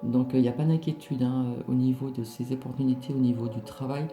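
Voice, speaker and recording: A man with a fairly ordinary pitch gives an informal oracle card reading, talking directly to his viewers. He hesitates and circles back over his phrases. The room adds clear echo, and music plays behind him. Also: fairly even intonation, warm tone. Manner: hesitant, repeating himself, halting. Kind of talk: casual spiritual card reading, addressing viewers.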